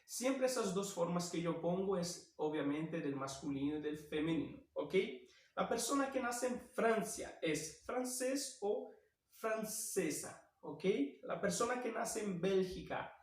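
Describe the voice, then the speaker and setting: Slow-talking man teaching Spanish. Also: sits high, lively intonation. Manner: slow and deliberate, repeats phrases, self-corrects, tags "ok?". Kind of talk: recorded video lesson. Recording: roomy echo, mic at a distance.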